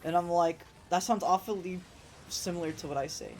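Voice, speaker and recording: A woman game streamer with a sore, rough throat, chatting in a rambling, casual way and swearing freely while she plays. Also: fairly low pitch, a little fast, a little mellow, a little hiss or hum. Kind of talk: casual let's-play commentary.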